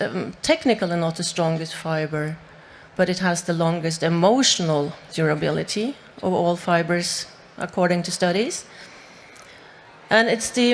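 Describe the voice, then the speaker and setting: A woman's voice: lowish voice, a little hiss or hum. A woman from Norway, a native Norwegian speaker, talking on a panel with many fillers and restarts. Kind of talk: panel discussion.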